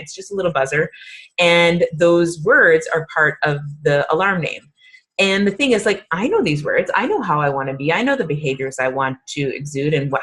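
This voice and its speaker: A woman's voice: low voice, fairly bright tone. A woman in her thirties, a fitness coach, leading a casual, upbeat workshop talk with lots of fillers. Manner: chatty, upbeat, filler-heavy.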